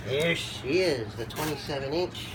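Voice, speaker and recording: A channel host with a small cold and a stuffed-up nose unboxes a computer in a casual vlog, speaking slowly and laid-back in a mid-range voice. He halts often, fills gaps with filler words, and chats to the dogs, all over steady background noise.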